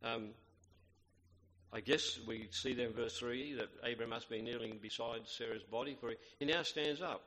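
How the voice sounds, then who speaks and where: A man reading scripture aloud and preaching a sermon in a measured, reverent way, pausing with fillers and restarts as he explains. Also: mid-range voice, steady tone, a bit bright. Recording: long hall reverb.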